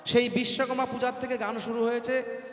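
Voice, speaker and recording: A man with a hoarse voice, talking to an audience from a folk stage in a chatty, joking manner before a sung debate. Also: very high-pitched, little pitch movement, brisk, fairly bright tone. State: hoarse from nights of singing. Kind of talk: stage patter to an audience over a PA. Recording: echoey PA sound with long reverb and faint music.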